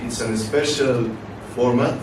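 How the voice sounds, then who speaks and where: Speaking at an event in an echoey hotel function room, a man representing a football league stumbles along, restarting often and leaning on fillers. His medium-pitched voice stays fairly even in intonation, and the distant recording is noisy and reverberant.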